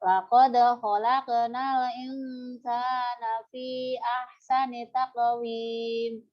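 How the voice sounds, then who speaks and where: A woman's voice: on the high side, flat delivery, very slow, lo-fi sound, faint music behind. Woman who can't roll her r, with a cold. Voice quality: lisp-like speech defect, cannot roll the r, which comes out soft. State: has a head cold. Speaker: student in a practice teaching class. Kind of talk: Quran recitation and short polite replies.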